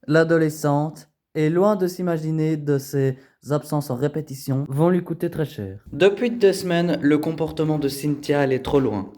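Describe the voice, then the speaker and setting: A man narrating in a lowered, dramatic announcer tone, parodying a reality-TV documentary, in an echoey room. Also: normal speed, hardly any pauses, mellow.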